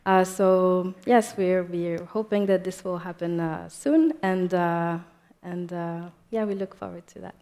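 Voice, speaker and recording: A young woman speaking on a panel about her diaspora organization's work, halting with frequent fillers and restarts. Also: on the low side, fairly even intonation, warm tone. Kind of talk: panel discussion remarks.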